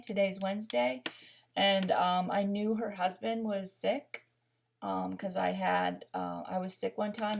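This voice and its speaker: A woman in her thirties with a gravelly, creaky edge tells her own story straight to the camera. She rambles candidly, stopping to restart sentences and fill pauses. Her voice sits at an ordinary middle pitch. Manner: rambling and candid, with frequent fillers and self-corrections. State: emotional, near tears. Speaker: vlogger. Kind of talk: personal health story, casual vlog.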